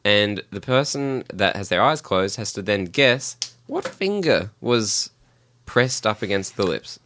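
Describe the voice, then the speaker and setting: Bright-voiced man explaining a game. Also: lowish voice, sing-song, unhurried, slight background noise. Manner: explaining rules, laughing often. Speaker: podcast co-host running a game. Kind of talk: casual podcast banter.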